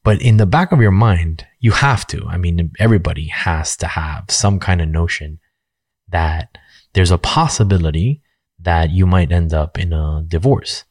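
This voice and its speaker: A man's voice: sits low, moderate pace, darkish tone, no room sound, studio quality. A man in his forties speaking candidly and frankly in a rambling personal monologue, swearing casually and using lots of fillers. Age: 40s.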